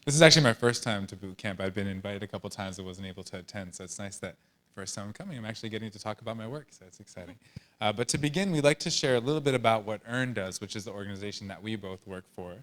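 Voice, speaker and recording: A man's voice: lowish voice, rapid-fire, fairly bright tone. A man giving a conference panel presentation in an upbeat, conversational way. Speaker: nonprofit communications presenter.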